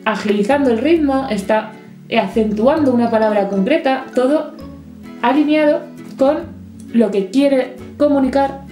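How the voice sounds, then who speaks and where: Woman explaining poems, chatty and playful, mellow voice, echoey room with soft guitar behind. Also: high voice, measured pace. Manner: lively, chatty, playful asides. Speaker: literature teacher. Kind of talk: poetry lesson with a reading.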